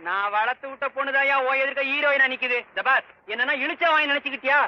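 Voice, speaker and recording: A man's voice: very high-pitched, fairly even intonation, fast talker. An actor playing a blustering, demanding older father of a young actress. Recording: muffled old film soundtrack.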